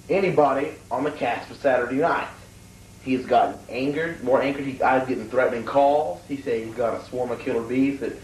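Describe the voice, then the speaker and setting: A man hosting a homemade comedy sketch show, giving an indignant, mock-serious rant that stammers now and then. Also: medium pitch. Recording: echoey, distant, slightly noisy room.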